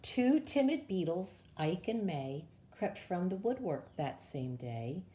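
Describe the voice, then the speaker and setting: A woman with a lowish voice presents story time for young children, reading a picture book aloud in a measured, expressive way.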